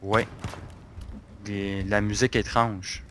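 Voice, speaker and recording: A man's voice: lowish voice, level tone, slow pace, a bit bright, a little hiss or hum. A man, casually chatting and joking while playing a game. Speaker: gamer co-host. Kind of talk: casual gameplay chat.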